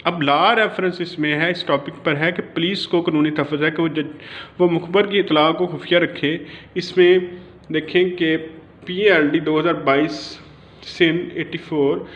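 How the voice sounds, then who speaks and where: A man with a Pakistani accent gives an informal law lecture, explaining points haltingly and repetitively while mixing in English legal terms. His voice is a little high with fairly even intonation, and the audio is dull and lo-fi.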